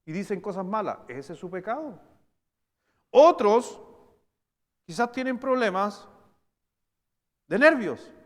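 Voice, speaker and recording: Chilean male pastor, high voice, animated sermon delivery, long hall reverb. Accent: Chilean Spanish. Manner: animated preaching, swinging from loud emphatic bursts to slow quiet stresses. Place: church hall.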